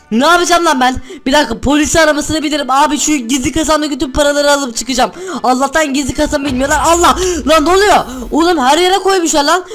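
A man voicing a shrill, panicky villager. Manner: excitable, panicky, loud whining. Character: boastful male Minecraft villager robbed by pranksters. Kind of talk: Minecraft role-play voice acting.

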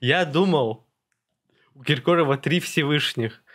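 A man's voice: on the high side, unhurried, a bit bright. A man streaming a reaction to a video, joking casually with many fillers.

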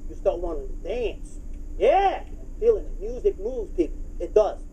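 A middle-aged man preaching a sermon in a conversational but hyped, restless, over-caffeinated way, with a husky voice and phrases repeated for emphasis. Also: high-pitched, very animated, normal speed, mellow, slight background noise, poor audio. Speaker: pastor preaching. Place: church auditorium, speaking from the stage to a congregation.

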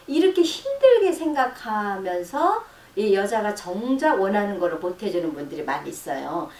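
Speaking as a counseling psychologist, a middle-aged woman lays out advice in a radio-style explanation, dropping into a soft, low voice to perform sample lines of dialogue. Faint noise sits under a roomy, distant recording.

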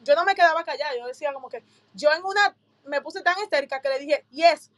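A woman's voice: high-pitched, quick pace, fairly bright tone. A young woman casually retelling a story, acting out both sides of the dialogue with lots of fillers. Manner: chatty, with many fillers. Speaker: applicant recounting her citizenship interview.

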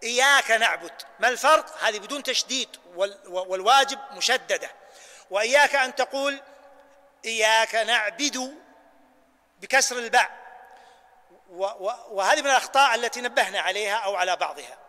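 A man with a Najdi Arabic accent teaching a sheikh's lesson on prayer, demonstrating recitations with slow, drawn-out readings. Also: very high-pitched, expressive, bright, forceful tone. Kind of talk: hands-on religious lesson. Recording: hall reverb.

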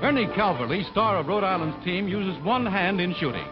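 A man narrates in a formal announcer style, in the manner of an old 1940s newsreel. His voice sits a little high for a man and comes through a dull, lo-fi film soundtrack. A loud music score plays under him the whole time. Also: big pitch swings, a little fast. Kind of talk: scripted sports newsreel narration.

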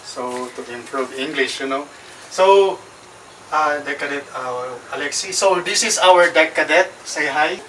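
A man's voice: on the high side, unhurried, sharp tone. A man in his twenties with a Filipino accent, casually hosting a challenge vlog. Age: 20s. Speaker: vlog host. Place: ship cabins and corridors. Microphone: camera a few feet away. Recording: echoey, distant camera mic, background noise.

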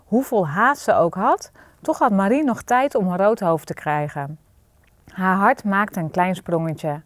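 A woman's voice: mid-range voice, a little slow, dry recording. Woman reading a children's story. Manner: expressive, lively storytelling.

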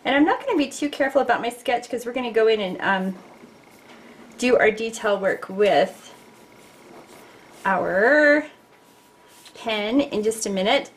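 A woman's voice: mid-range voice, slight background noise. A middle-aged woman teaching a casual drawing lesson, chatty and playful, talking to her viewers as she sketches at a desk. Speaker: art teacher.

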